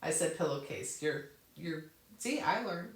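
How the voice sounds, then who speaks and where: Her deep voice carries lively intonation at a slightly slow pace. A native English speaker, she hosts a relaxed craft Q&A with on-screen demonstration, responding to viewers, musing aloud at her computer, and laughing a lot. The recording sounds roomy, with her somewhat distant from the mic.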